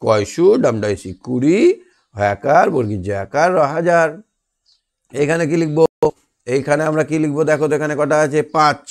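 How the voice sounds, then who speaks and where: A man's voice: on the high side, normal speed. A man teaching an online math lesson, patiently asking questions and answering them himself. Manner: patient, asks and answers his own questions. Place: online class on a video call.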